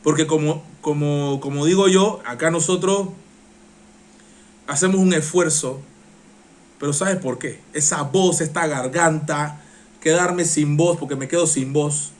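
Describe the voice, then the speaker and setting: A man's voice: fairly high pitch, unhurried. A man with a Panamanian accent hosting a live-stream reaction show, talking passionately and getting worked up. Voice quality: strains his voice. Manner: excitable, passionate, gets worked up. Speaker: live-stream political commentator.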